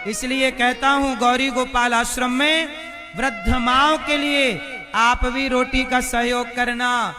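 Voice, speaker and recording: A man's voice: very high voice, steady tone, slow. A male spiritual preacher giving a devotional discourse to a crowd, firing rhetorical questions at the audience and hammering points home with emphatic repetition. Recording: violin music playing behind.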